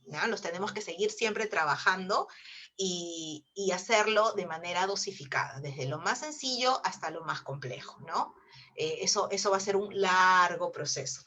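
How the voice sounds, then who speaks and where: A woman's voice: mid-range voice, sharp tone. A woman with a Peruvian Spanish accent giving a teacher-training webinar over a video call, explaining step by step and often checking in with her listeners. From Peru. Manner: explanatory, with frequent tag questions.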